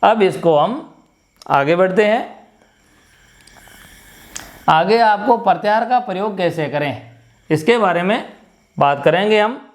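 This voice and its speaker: Slow, high-voiced male Sanskrit teacher. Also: lively intonation. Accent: Rajasthani Hindi. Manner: slow, explaining step by step, repeats sounds for pronunciation. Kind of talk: classroom lecture.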